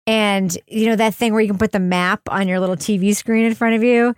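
A woman's voice: mid-range voice, a little fast, clear, resonant tone, dry recording. Chatty woman podcast host, dry sound. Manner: chatty, animated, giggly. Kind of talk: casual podcast chat and read promo.

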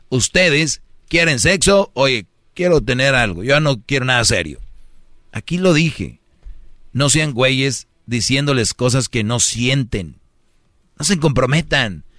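A man's voice: mid-range voice, fairly bright tone, no echo, studio quality. A man giving mocking, preachy advice as a comedic radio host.

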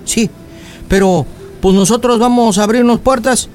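A man's voice: very high-pitched, steady tone, normal speed, darkish tone, faint music behind. A man voicing a pleading young boyfriend in a radio prank call. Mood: swearing. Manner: pleading, swears oaths, wheedling.

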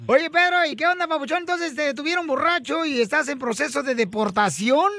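A man's voice: very high-pitched, pushed and bright. A man hosting a comedic radio show, telling jokes and laughing in a playful way. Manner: joking, playful, quick to laugh.

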